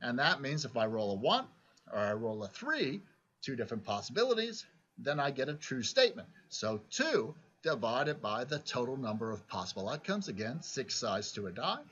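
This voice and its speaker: A man's voice: medium pitch, sing-song, normal speed, fairly bright tone, slightly rough. A man giving a recorded philosophy lecture, explaining step by step and often checking in with "right?". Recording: dull lo-fi recording.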